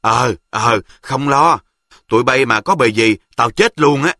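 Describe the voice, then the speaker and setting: A man's voice: mid-range voice, measured pace, pushed and bright, no echo, clean studio sound. A man voicing a tearful, fretful middle-aged mother with a Southern Vietnamese accent. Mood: relieved.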